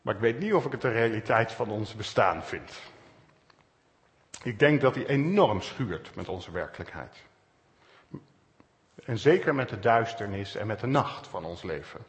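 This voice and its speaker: A man preaching a calm, searching sermon, with pauses and stresses. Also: fairly low pitch, long reverb tail. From Netherlands. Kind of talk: reflective sermon.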